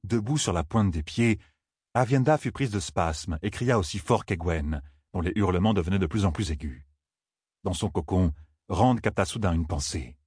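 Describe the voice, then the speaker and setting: A man reading a fantasy audiobook in a steady, grave, measured way. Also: sits low, breathy edge, dry recording, studio quality. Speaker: audiobook narrator. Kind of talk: scripted fantasy narration.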